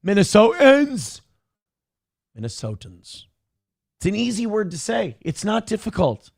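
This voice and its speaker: A sarcastic American man delivers comedic political commentary. His voice sits a bit high and swings widely in pitch, emphatic and mocking, in a very dry recording. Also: lively intonation, fairly quick, vocal fry, a little mellow, husky, no echo. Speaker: talk show host.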